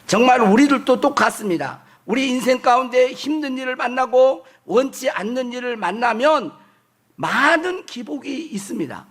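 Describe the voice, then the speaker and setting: High-pitched lively male pastor preaching. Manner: preaching with swings between loud declaring and soft low asides; reads scripture aloud slowly. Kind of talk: Sunday sermon.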